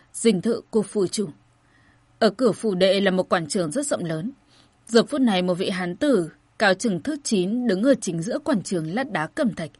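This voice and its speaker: Husky-voiced woman narrating a novel. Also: mid-range voice, dry recording. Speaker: audiobook narrator. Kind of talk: scripted narration of a fantasy novel.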